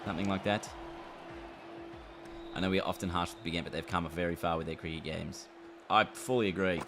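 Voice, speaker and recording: A man's voice: deep voice, fairly even intonation, brisk, over music. A man chatting casually on a gaming livestream, reacting aloud to play and answering chat. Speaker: gaming streamer. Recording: clear background noise.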